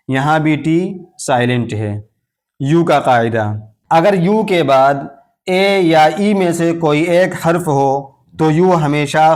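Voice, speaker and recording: A man teaching English pronunciation rules in a slow, methodical classroom style, saying each example word twice before explaining it. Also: on the high side, a little mellow. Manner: uses Urdu-flavored terms for rules and letters.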